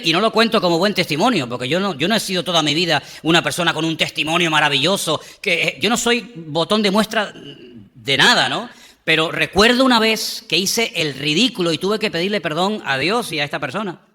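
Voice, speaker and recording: A male pastor, preaching a sermon in a conversational, animated way and asking the congregation rhetorical questions. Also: fairly high pitch.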